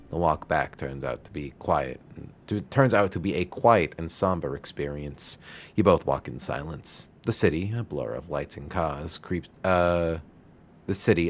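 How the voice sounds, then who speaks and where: A man streaming, reading a visual novel's narration aloud in a steady voice with occasional stumbles. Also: deep voice, normal speed, soft background music. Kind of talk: reading game text aloud.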